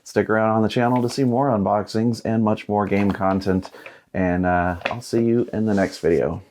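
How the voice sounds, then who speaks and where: A man in his thirties with a deep voice and steady tone unboxes a board game at normal speed, relaxed and thinking aloud, sometimes reading from the contents. Background noise can be heard.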